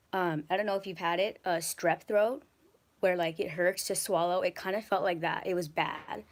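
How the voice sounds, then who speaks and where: Walking through her big home kitchen and other rooms, a young vlogger talks into a phone held at arm's length. Acid reflux has left her lowish voice hoarse and raspy, and her casual rant is chatty, packed with ums and likes, with plenty of swearing.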